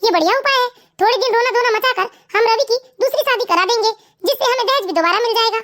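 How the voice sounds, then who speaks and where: A woman voicing a spoiled, scheming young sister-in-law in an animated family story, whiny and indignant. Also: extremely high pitch, quick pace.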